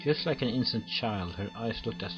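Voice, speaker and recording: Reading visual novel lines as a let's play host, a man frequently trips over words and restarts. His lowish voice is expressive and brisk. The sound is lo-fi, with game music playing clearly in the background.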